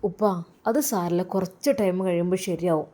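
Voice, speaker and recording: A woman voicing a devoted young adult son who gently reassures his sick father, in a storybook tale. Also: fairly low pitch, a little fast, lightly acted. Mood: reassuring.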